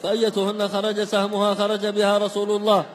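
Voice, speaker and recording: A man reading classical text aloud in a steady, chanting recitation for a class. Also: high voice, fast talker. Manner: even, chanting recitation of chains of narrators. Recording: long hall reverb.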